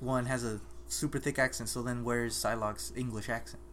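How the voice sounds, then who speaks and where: A man's voice: mid-range voice, little pitch movement, normal speed, a bit bright, a little hiss or hum. A man chatting casually about a movie, rambling with plenty of hesitations. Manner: rambling, many fillers and restarts.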